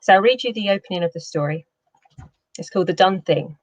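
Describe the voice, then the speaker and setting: A woman's voice: lowish voice, fast, no room sound. A woman author talking earnestly about her short story and then reading its opening. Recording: muffled lo-fi sound.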